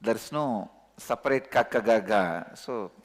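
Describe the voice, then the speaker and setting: Slow Tamil-accented man in a reverberant hall. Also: lowish voice. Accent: Tamil Indian. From Tamil Nadu, India. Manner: emphatic, repeats key words with pauses. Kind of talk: religious discourse on scripture.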